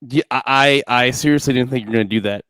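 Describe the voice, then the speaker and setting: A man's voice: medium pitch, fast, a bit bright, clean tone, no echo, clean studio sound. A man who is the stream's producer, joining the casual banter in a sheepish, laid-back way. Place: Florida.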